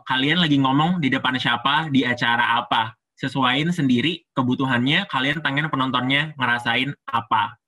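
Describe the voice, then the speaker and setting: A man's voice: medium pitch, pushed and bright. A man, a public speaking coach giving a casual, chatty lesson step by step. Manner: chatty, explains step by step with frequent fillers.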